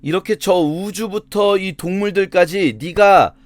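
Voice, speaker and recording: A man's voice: high-pitched, measured pace, no room sound. A man voicing God as a stern male figure who fires blunt rhetorical challenges. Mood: challenging.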